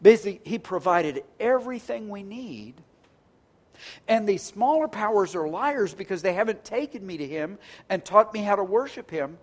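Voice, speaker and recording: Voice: mid-range voice, lively intonation, moderate pace. A pastor preaching a sermon in a conversational, earnest way, often restarting words and stacking phrases into lists.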